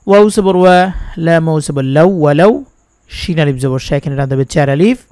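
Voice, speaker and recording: A man teaching Quran reading who spells out each letter and vowel slowly, then explains the pronunciation rules. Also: on the high side, animated, darkish tone, smooth, dry recording, studio quality.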